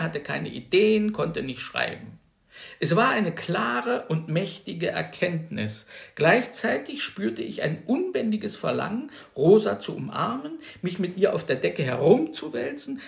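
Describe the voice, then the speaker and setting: A man reading a novel aloud, telling a first-person story in an animated way. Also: high-pitched, vocal fry, reverberant. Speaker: reader. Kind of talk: literary reading.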